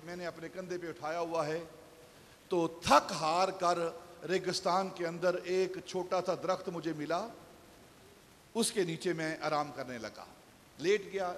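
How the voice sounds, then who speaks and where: A man's voice: sits high, in a large hall, slight background noise. A man giving a Friday sermon, telling stories and rising to emphatic peaks. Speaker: pastor. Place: shrine mosque hall.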